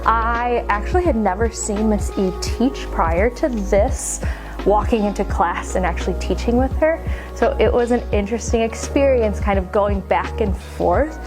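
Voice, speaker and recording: A woman's voice: mid-range voice, moderate pace. Teacher lady chatting happily about her class, music playing under her. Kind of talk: interview.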